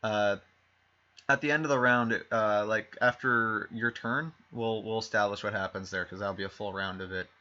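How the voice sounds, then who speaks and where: A man's voice: on the low side, steady tone, normal speed, sharp tone. A man narrating as game master, rambling and correcting himself as he goes. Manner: rambling, self-correcting, fillers and restarts. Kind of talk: narrating a tabletop game over stream. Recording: dull lo-fi stream mic.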